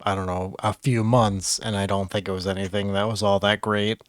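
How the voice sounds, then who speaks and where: A man's voice: lowish voice, flat delivery, brisk, no echo, clean studio sound. A man from the United States chatting casually as a host, giving blunt opinions and swearing freely. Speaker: host of a tier-list discussion. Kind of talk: casual chat, ranking fast food.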